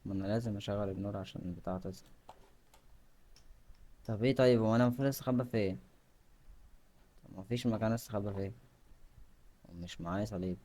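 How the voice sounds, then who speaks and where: A young Egyptian man with an Egyptian Arabic accent hosting a horror game let's play, jumping from quiet mutters to loud frightened outbursts. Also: fairly low pitch, quick pace, long pauses. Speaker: gaming channel host.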